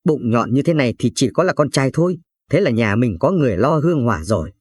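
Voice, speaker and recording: A man's voice: medium pitch, animated, fast talker, husky, dry recording. A man voicing a stern, bossy old grandmother in a narrated story, scolding in tone.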